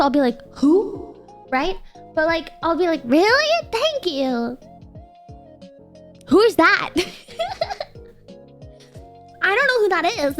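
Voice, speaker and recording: A young adult woman with a nasal, girlish voice, chatting casually and excitably to livestream viewers in a cute anime-streamer manner. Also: extremely high pitch. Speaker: VTuber livestreamer.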